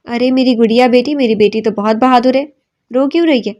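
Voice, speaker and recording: A woman's voice: fairly high pitch, dull audio, lightly acted. Woman reading as a tender old father. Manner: soft, tender, advising. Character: gentle elderly father, wise and tender.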